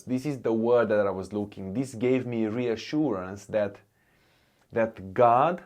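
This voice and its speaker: A man from Romania with a Romanian accent, sharing a personal testimony. He talks slowly and earnestly in a mid-range voice, pausing often and restarting his sentences. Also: medium pitch, darkish tone. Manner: slow and earnest, with many pauses and restarts. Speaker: faith vlogger.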